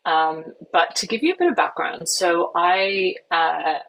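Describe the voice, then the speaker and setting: A woman in her forties from Singapore, with an international English accent that's hard to place, appears as a life and career coach guest on a podcast. Her fairly low voice has lively intonation and is a bit bright, and she speaks unhurriedly and earnestly, with many fillers and restarts. The recording is rough.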